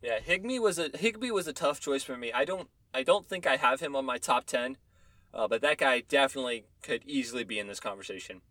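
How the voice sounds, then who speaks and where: A man's voice: mid-range voice, lively intonation, a little fast, bright, forceful tone, no echo. Male sports host doing a top ten countdown. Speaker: fantasy football podcast host.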